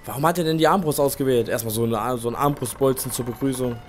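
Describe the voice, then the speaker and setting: A man's voice: medium pitch, fast. Casual male gamer commentating over music. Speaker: let's play host. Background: game music.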